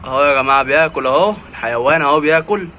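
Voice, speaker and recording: A man's voice: a little high, very fast, pushed and bright, slight background noise. A man with an Egyptian Arabic accent vlogging casually and teasing and coaxing his pet fox in a playful way.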